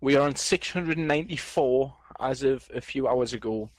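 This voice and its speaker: A man's voice: mid-range voice, moderate pace, no room sound. A man hosting a casual gaming podcast, joking and playfully boastful as he chats with his co-hosts. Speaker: podcast host.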